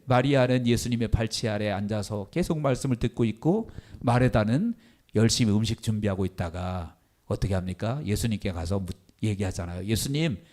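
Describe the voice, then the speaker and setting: A man who is a pastor, delivering a sermon in an animated way, with rhetorical questions and acted-out quotes. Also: on the low side.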